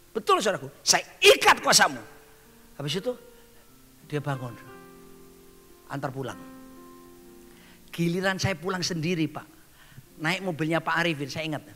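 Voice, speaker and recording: A middle-aged male pastor preaching a sermon, telling stories in an animated way and often calling out to the congregation. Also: sits high, long reverb tail.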